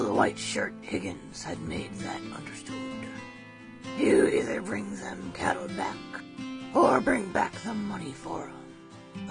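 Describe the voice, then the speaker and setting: A woman with a fairly low, gravelly voice reads a western story aloud, chatty and casual, breaking off to comment on the text while music plays behind her.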